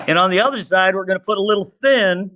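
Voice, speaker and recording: A man's voice: high-pitched, quick pace, pushed and bright. A male teacher giving a casual classroom science lesson, drawing as he explains and asking students questions. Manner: chatty, asks students questions, talks to himself while drawing.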